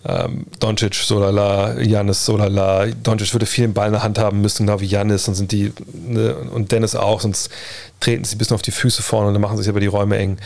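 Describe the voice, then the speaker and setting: With a lowish, gravelly, slightly mellow voice and a level tone, a man speaks a little fast as he hosts a livestream. He's also a basketball podcaster, answering viewers' basketball questions casually with plenty of English slang and sports terms.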